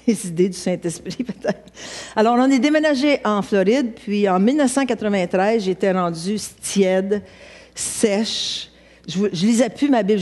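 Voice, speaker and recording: Older Québécois woman pastor preaching. She tells stories, laughs easily and acts out the voices she quotes. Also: medium pitch. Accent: Québécois French. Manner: conversational storytelling, laughs often, animated quoting. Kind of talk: sermon.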